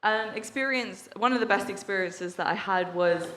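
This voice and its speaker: A young woman from England shares a casual testimony at a church service, talking in a chatty, laughing way with plenty of fillers. Her voice sits at a middle pitch for a woman. The sound is roomy, with the hall echoing around her. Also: moderate pace, a bit bright. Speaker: workshop participant sharing testimony.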